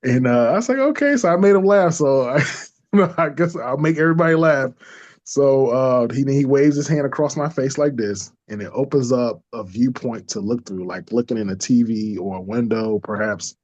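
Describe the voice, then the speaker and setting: A man telling a personal story in a casual interview, lively, laughing often and acting out the voices of people he quotes. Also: medium pitch, normal speed, no echo. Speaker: interview guest. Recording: dull lo-fi dry sound.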